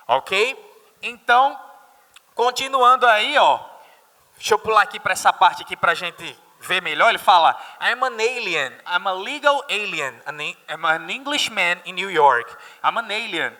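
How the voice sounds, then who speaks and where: A man's voice: high voice, pushed and bright. A Brazilian man teaching an English exam-prep class, mixing English phrases into Portuguese and quizzing his students. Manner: mixes English phrases into Portuguese explanation, asks students questions. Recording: reverberant hall.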